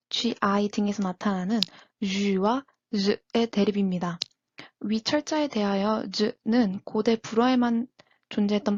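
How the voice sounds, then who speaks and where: A young woman, a university student, reading a prepared class presentation in a measured, scripted way. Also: mid-range voice, darkish tone, husky, no room sound, lo-fi sound. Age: young adult.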